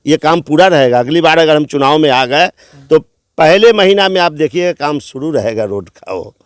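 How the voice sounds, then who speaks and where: Male local candidate, mid-pitched, eager and agreeable, dry close sound. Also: lively intonation, moderate pace, clear, resonant tone, no echo. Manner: eager, assenting, lists plans. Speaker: village council candidate. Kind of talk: interview answers.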